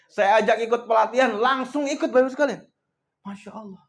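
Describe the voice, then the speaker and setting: A man coaching an audience in a motivational speech, telling stories and addressing his listeners directly. He swings between hushed, soft passages and loud, emphatic outbursts, with frequent devout exclamations. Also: extremely high pitch, fast.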